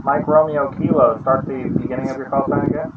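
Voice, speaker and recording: A man working as an amateur radio operator, making ham radio calls outdoors in a park and repeating call signs slowly in phonetic letters. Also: medium pitch, flat delivery. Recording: muffled distant mic with loud noise.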